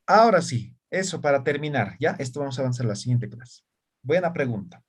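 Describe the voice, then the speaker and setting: A man teaching a live language class, his pitch moving lively up and down. His voice is a little husky, and he keeps asking his students whether they follow. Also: fairly quick. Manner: asks frequent check questions. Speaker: Aymara teacher.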